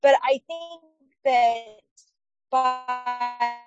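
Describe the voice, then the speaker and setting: A woman committee member speaking over a video call whose connection keeps breaking up, so her words cut out and the endings are clipped off. She talks haltingly, with many restarts. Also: high voice, smooth, dry recording, highs cut off, faint music behind. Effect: choppy connection, words cutting out and endings clipped off. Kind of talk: remote board meeting discussion.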